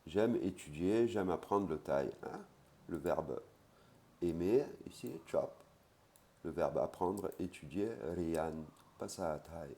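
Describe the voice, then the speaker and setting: A man with a very low voice gives a casual language lesson. He says each foreign word slowly and carefully, then explains it in a relaxed way, with frequent "voilà"s. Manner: spells out Thai words slowly, then explains them; casual, with fillers like "hein" and "voilà". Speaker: Thai language teacher.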